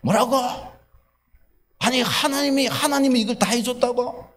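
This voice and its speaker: A pastor playing a proud self-made businessman husband who scorns faith, shouting and boasting in a high, strained voice. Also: moderate pace. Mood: incredulous.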